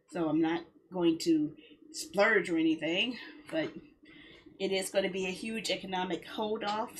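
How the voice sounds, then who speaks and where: With a voice on the low side and slight background noise behind her, this woman streams games and chats loosely with her audience. She rambles in a relaxed, conversational livestream style.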